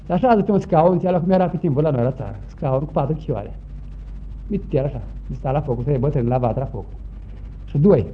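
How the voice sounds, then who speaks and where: Older man, high-pitched, animated folk storyteller who mimics noises; muffled lo-fi tape. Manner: lively, acts out shouts and sounds. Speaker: interviewee recalling village customs. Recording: dull lo-fi recording, faint noise.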